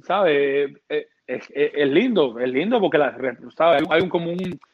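A music producer chats casually in an interview, his somewhat high voice at normal speed, rambling and restarting his words with plenty of fillers. The recording has a dull, lo-fi sound.

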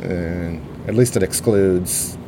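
A man co-hosting a casual sports podcast, dry and understated with hesitant fillers, heard over a low-quality audio stream. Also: slow pace, background noise. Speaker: podcast co-host.

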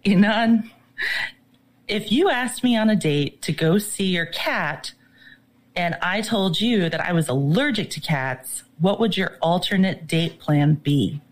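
A woman's voice: on the low side, animated, unhurried, rough recording. A woman chatting casually as a contestant on a dating game. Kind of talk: casual chat.

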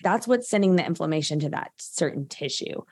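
A woman's voice: low-pitched, lively intonation, a little fast, a little mellow, slightly rough. A woman, talking as a guest practitioner in a casual interview, chatty and full of filler words. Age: 30s.

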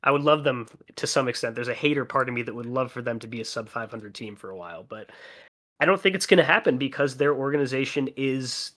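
Chicago guy riffing on a sports podcast, animated, lots of "you know"s. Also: medium pitch, fast. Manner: animated, swears casually, frequent fillers. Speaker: podcast co-host. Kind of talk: casual sports chat.

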